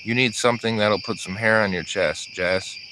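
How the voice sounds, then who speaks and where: A man's voice: on the low side, moderate pace, noisy background, lightly acted. A man voicing a brash, swaggering young prankster. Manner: crude, swaggering.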